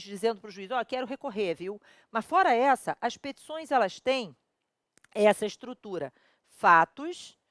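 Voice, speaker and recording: A woman with a Brazilian Portuguese accent and a fairly high voice teaches a law exam prep video lesson. She speaks colloquially, addressing viewers directly and familiarly with plenty of rhetorical questions, recorded in echo-free studio quality.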